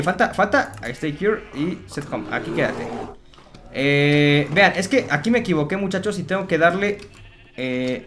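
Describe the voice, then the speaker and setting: A man commentating his Minecraft play for viewers, excitable and chatty, repeating words and exclaiming. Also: fairly high pitch. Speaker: gaming YouTuber.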